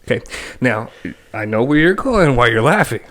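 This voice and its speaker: A man's voice: mid-range voice, sing-song, normal speed, a bit bright. A young man co-hosting a podcast, ranting bluntly and swearing a lot in casual chat. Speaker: podcast co-host.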